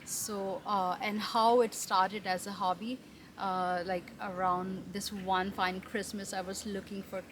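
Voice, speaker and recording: A woman's voice: medium pitch, flat delivery, measured pace. A young adult woman from Pakistan, chatting as an interview guest in a friendly way, restarting her sentences often. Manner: friendly, with frequent restarts and fillers. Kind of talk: casual interview. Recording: noisy background.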